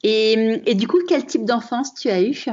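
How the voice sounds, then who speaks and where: A woman hosting a podcast interview, asking questions in a gentle, hesitant way. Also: a little high, moderate pace, dull audio. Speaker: podcast host.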